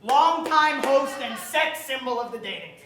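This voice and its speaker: Woman playing a loud sleazy guy host, high voice, echoey theater. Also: lively intonation, moderate pace, crowd noise. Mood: hyped. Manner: loud, rambling, breaks into laughter. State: winded. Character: brash sleazy male game show host, used lawnmower salesman. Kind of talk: live sketch comedy. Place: theater stage. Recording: roomy theater sound.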